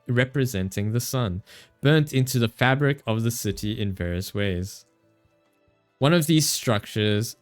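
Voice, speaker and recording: On a casual gaming stream, a male VTuber with a smooth, lowish voice jokes around with his chat, laughing and teasing. He stumbles while reading the game's text out loud.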